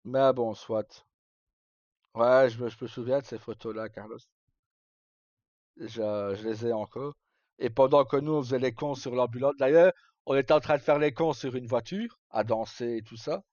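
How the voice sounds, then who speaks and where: A man hosting a livestream chats casually at normal speed, swearing mildly now and then. His voice sits mid-range and a little mellow, recorded with no room sound and the highs cut off.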